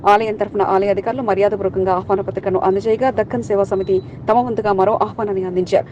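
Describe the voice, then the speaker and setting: Lady newsreader doing a voice-over, super fast, faint hiss behind. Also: medium pitch, highs cut off. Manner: rapid, even newsreading through long name lists. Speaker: news reader. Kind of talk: scripted news voice-over.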